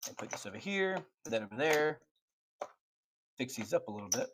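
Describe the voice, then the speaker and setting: A man hosting a casino dice tutorial, calling rolls and paying bets aloud in an excitable, chatty way, at times out of breath. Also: medium pitch, a little fast, background noise. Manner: excitable, calls rolls like a dealer, chatty asides to viewers. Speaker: craps channel host demonstrating strategy. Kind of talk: casual table-game demonstration.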